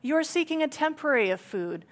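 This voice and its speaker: A woman's voice: high-pitched, lively intonation, a little fast. A woman pastor giving a conversational sermon, retelling scripture with playful asides and acted-out quotes.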